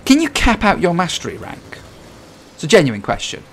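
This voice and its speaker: A man's voice: high-pitched, huge pitch swings, a little fast, creaky, slight background noise. A man streaming a game, chatting casually and reacting aloud to his teammates. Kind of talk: casual gameplay commentary.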